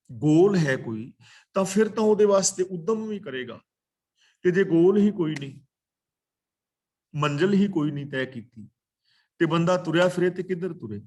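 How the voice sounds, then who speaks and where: A man teaching a religious class on a video call. His voice sits a little high for a man. He explains scripture line by line and chants each quoted verse. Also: a little mellow. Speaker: katha preacher. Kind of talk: religious lecture.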